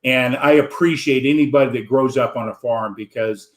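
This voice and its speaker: In a mid-range voice at normal speed, an American man hosts an online interview show from home in Wisconsin, rambling along with plenty of fillers. The audio sounds reverberant.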